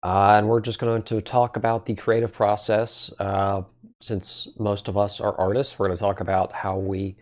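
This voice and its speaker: Easygoing man hosting a casual podcast, his voice sits a bit low and he jokes around with guests, lots of ums as he steers the chat. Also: a little mellow. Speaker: podcast host.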